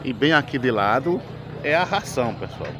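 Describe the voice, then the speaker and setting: Holding his own camera, a Pernambuco vlogger chats to viewers as he walks them through an outdoor cattle and feed market, addressing them directly and thanking people frequently. His mid-range voice moves at a moderate pace over music. A lively outdoor crowd surrounds him.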